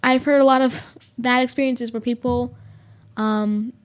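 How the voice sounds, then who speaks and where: A woman's voice: fairly high pitch, fairly even intonation, measured pace. A teenage girl co-hosting a student radio show in casual chat, giggly and full of fillers like "like" and "um". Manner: chatty, giggly, filler-heavy with lots of likes and ums.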